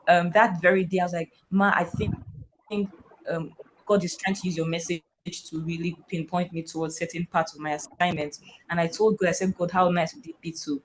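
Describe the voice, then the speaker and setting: A woman's voice: on the low side, fairly even intonation, fairly quick, slight background noise, low-quality recording. A woman from Nigeria, a panel guest on a video call, telling her story with earnest, faith-filled conviction. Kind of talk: personal testimony on a video call.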